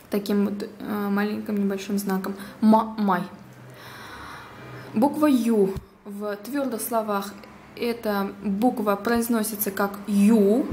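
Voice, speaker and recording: A woman teaching a pronunciation lesson, speaking carefully with pauses and small fillers. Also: medium pitch, darkish tone, a little hiss or hum. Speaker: language teacher.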